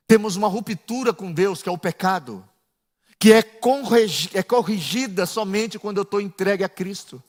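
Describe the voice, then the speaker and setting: A middle-aged male pastor preaching a sermon, dropping to low asides and building to shouted, half-sung climaxes. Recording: echoey church hall.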